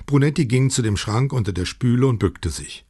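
A man reading a novel aloud in measured, even scripted narration. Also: mid-range voice, no room sound, clean studio sound. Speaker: audiobook narrator.

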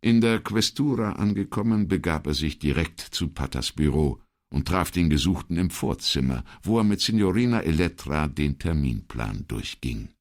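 Gravelly, very deep male narrator. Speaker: audiobook narrator. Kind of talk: scripted narration.

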